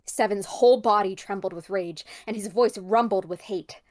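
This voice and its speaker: Woman, medium pitch, expressive story narration, game read-aloud. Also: normal speed. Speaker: game co-player reading narration. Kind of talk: expressive narration of visual novel text.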